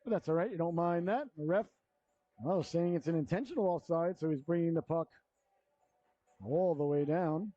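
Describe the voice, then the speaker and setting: A middle-aged man works as a hockey announcer in a high yet mellow voice. He calls plays in a folksy, excitable way full of colourful slang. The audio is slightly dull and lo-fi. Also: normal speed. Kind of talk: live hockey announcer commentary.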